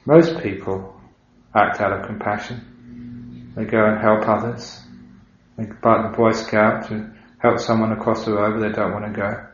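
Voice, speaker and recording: An Englishman who is a Buddhist monk, giving a dharma talk in an unhurried, reflective storytelling way with gentle humor. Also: fairly low pitch, flat delivery, slight background noise. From England. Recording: dull, roomy recording.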